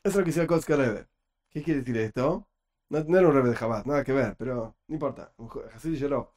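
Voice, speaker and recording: A man with a Rioplatense Spanish accent teaching a Torah class online, talking quickly with joking asides, into a computer microphone. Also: mid-range voice, a little mellow.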